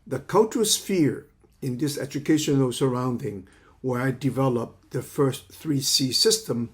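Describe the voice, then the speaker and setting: A Chinese man in his 70s whose first language is Cantonese introduces a lecture as a counseling psychology teacher. His mid-range voice is halting, and he repeats words while searching for the right phrasing.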